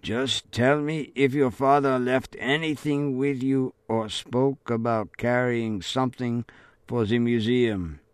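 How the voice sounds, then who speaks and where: A man's voice: mid-range voice, slow pace, clear, resonant tone, dry recording, lightly acted. A man doing a dead-voiced limping sergeant major. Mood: coaxing. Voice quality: flat, lifeless.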